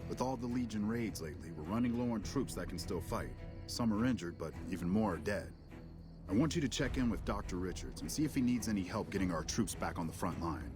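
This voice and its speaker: A man acting as a video game army commander with a slightly low voice. He is businesslike but burdened, a beleaguered officer giving orders, with music underneath. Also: animated, brisk, close to an everyday voice. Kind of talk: video game character dialogue.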